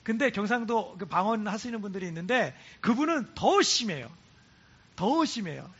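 A high-pitched male pastor from Korea delivers a chatty sermon, his voice bright and slightly husky. He swings up and down with lively intonation and keeps repeating phrases for emphasis. The church recording sounds dull and lo-fi. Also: normal speed. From South Korea. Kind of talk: sermon to a congregation. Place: church in Cebu.

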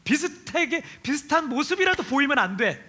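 A male pastor from Chungcheong preaching a chatty, animated sermon and laughing with the congregation. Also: very high-pitched, a little fast. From Chungcheong, Korea.

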